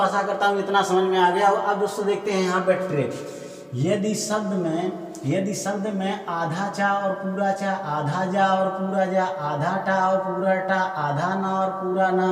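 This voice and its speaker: A man giving a whiteboard grammar lesson, asking himself questions and answering them, stretching out key words. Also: high voice. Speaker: grammar teacher. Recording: echoey room, voice from far off.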